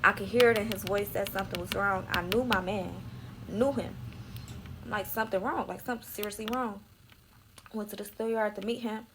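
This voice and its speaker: A young woman telling a personal story in a candid, emotional way, full of swearing, sometimes dropping to a soft near-whisper. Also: mid-range voice, steady tone, fairly quick, noisy background.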